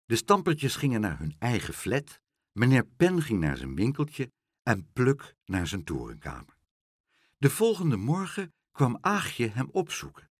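A man reading a children's story aloud with expressive delivery. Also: medium pitch, dry recording, clean studio sound. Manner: expressive, unhurried.

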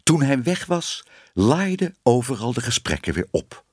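Lively, expressive male storyteller. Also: mid-range voice, normal speed, breathy edge, dry recording, studio quality. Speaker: narrator. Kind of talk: audiobook reading of a children's story.

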